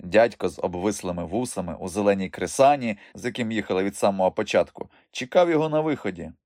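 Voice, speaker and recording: Male storyteller for an audiobook, expressive and animated, dry studio sound. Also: lowish voice, fast, no echo. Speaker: narrator. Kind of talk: audiobook narration.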